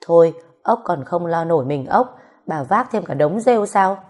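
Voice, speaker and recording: A woman's voice: lowish voice, animated, normal speed, darkish tone. Woman reading as a coarse scolding older woman. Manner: rough, scolding, swears freely. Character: coarse, blunt, foul-mouthed grown woman.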